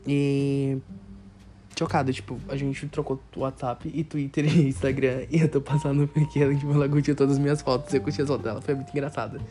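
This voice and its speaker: A man's voice: medium pitch, flat delivery, brisk, warm tone. A young man with a Brazilian Portuguese accent, casually retelling a night out in a filler-heavy storytime style. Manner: chatty, filler-heavy retelling with lots of quoted dialogue. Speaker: storytelling vlogger. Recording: music playing under the voice.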